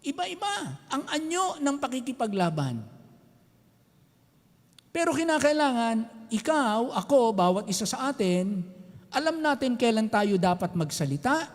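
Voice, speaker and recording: A pastor in his later years, preaching a sermon in a lively, animated way, switching between languages. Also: very high-pitched, measured pace, long pauses. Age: older. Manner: animated preaching, mixing Tagalog and English. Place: church sanctuary. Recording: long church hall reverb.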